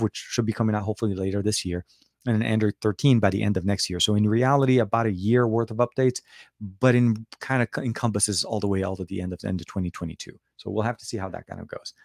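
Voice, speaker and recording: A man's voice: on the low side, fast talker, vocal fry, a little mellow, no room sound, clean studio sound. A middle-aged man hosting a casual tech livestream, rambling and rephrasing as he chats with viewers, his voice slightly coarse and worn from a night out. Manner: rambling, repeats and rephrases words. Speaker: tech reviewer and livestream host.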